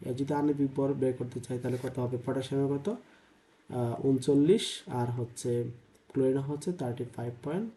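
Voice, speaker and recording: Guy tutoring chemistry, super dark mellow voice, keeps asking "right?" and answers himself. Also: medium pitch, moderate pace. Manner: thinks aloud, asks and answers own questions, "তাই না?" checks; mixes English numbers and terms into Bengali. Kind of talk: exam-prep lesson, working problems aloud.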